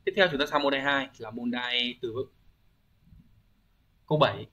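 A man's voice: medium pitch, unhurried, sharp tone, muffled recording. Patient man teaching a language lesson. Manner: explains patiently, asking rhetorical check-in questions; thinks aloud with frequent hesitation fillers. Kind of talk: recorded online exam-review lesson.

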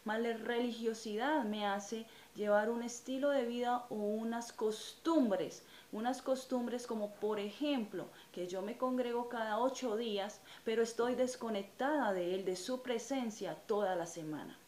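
A woman's voice: fairly high pitch, unhurried, few pauses, a little mellow. A Colombian woman in her thirties giving a personal religious testimony to camera, earnest and reflective, with frequent hesitant fillers. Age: 30s. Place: small indoor room in front of a curtain. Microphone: camera or phone at close range. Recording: echoey room with faint ambient noise.

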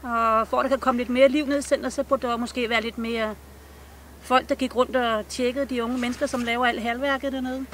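A woman's voice: fairly high pitch, little pitch movement, a bit bright, slight background noise. A middle-aged woman, a resident, speaking earnestly by a playground in a vox pop interview. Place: outdoors by a playground.

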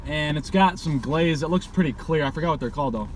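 Higher-voiced young man stalling from a car. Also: a little hiss or hum, low-quality recording. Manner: hesitant, repetitive, deliberately vague. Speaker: prankster customer ordering from a car. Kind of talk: casual, stalling back-and-forth. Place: inside a parked car at a drive-thru. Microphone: camera on the passenger side.

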